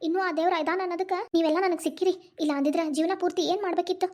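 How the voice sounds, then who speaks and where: A woman's voice: very high voice, fairly even intonation, rapid-fire, a little mellow. A woman voicing a tearful mother with a North Karnataka accent. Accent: North Karnataka Kannada. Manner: tearful, anxious, protective. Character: grieving mother reunited with her son. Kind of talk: cartoon voice acting.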